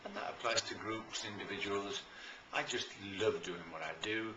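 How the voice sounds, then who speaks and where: A British man whose voice sits on the low side promotes his own work as a life and business coach. He speaks informally and with enthusiasm, pausing deliberately for emphasis, in a roomy space that leaves an echo and some faint noise.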